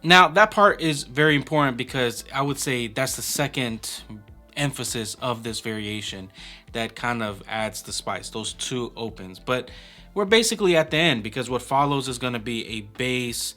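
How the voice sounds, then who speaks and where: A man with a bright, forceful voice walks through a drum pattern one stroke at a time. He talks in a relaxed, casual way with fillers and restarts, at a middle pitch. Faint drumming sits behind him. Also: moderate pace, soft background music. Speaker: percussion teacher. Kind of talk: casual instructional explanation.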